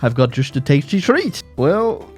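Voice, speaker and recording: A young man narrates his strategy game in a playful, giggly way, his pitch bouncing all over the place. He sits a touch high for a man. Soft music plays faintly behind him. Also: lively intonation, normal speed. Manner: giggly, playful, breaks into laughter. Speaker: gaming YouTuber. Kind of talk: game commentary, reading events aloud. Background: faint background music.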